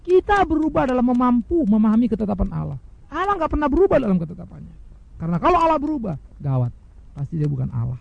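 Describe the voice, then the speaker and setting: A man preaching a sermon, addressing his listeners directly, swinging between loud emphatic highs and soft, hushed lows and acting out quoted speakers. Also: big pitch swings, fast, gravelly, dry recording, highs cut off. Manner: mimics imagined speakers in quoted asides. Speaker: pastor.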